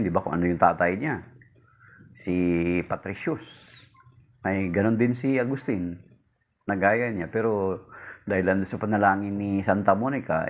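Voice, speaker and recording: A man preaching a homily, mixing Tagalog and English, telling a story and raising his pitch to act out its voices. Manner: mixes Tagalog and English, addresses listeners as brothers. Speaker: priest. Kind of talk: homily with a told joke.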